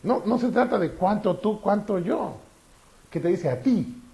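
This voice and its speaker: Man, preacher, lively pitch, asks questions. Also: measured pace, gravelly. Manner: animated, asks the congregation questions. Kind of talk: sermon.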